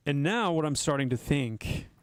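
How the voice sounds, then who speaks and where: A man's voice: a little high, lively intonation, normal speed, no room sound. Man chatting to his stream chat. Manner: chatty, talks directly to chat with wry teasing asides. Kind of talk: casual livestream commentary while gaming.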